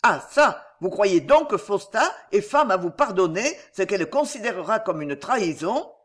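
A reader voicing forceful swashbuckling adventurer. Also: mid-range voice, very animated, moderate pace. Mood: urgent. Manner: forceful, insistent. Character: spirited swashbuckling male adventurer giving urgent advice. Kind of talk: audiobook reading of a historical novel.

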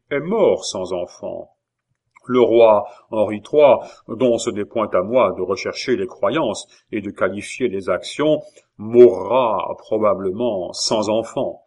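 A man's voice: on the low side, a little mellow. A man voicing a fiery, zealous male innkeeper giving a rousing speech in an audiobook. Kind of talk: audiobook character reading.

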